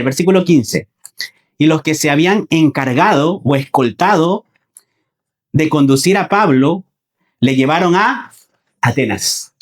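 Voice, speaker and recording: A man preaching a Sunday sermon in who often repeats phrases, asks the congregation questions and calls them his brothers. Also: fairly high pitch. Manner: addresses listeners as brothers.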